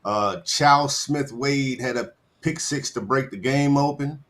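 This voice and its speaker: A man's voice: mid-range voice, takes it slowly, a bit bright. A man giving game stats on a sports talk show, speaking hesitantly with many ums and uhs.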